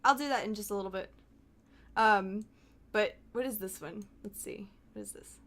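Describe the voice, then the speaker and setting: A woman from Texas, chatting casually on a game stream, excitable, laughing often and swearing freely. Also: mid-range voice, moderate pace, gravelly. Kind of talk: casual live-stream chat.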